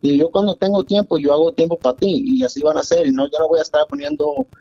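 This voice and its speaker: High-voiced man on a lo-fi line. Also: lively intonation, fast, vocal fry, mellow, dry recording. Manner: rambling, confessional. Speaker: caller. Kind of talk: casual phone-in storytelling.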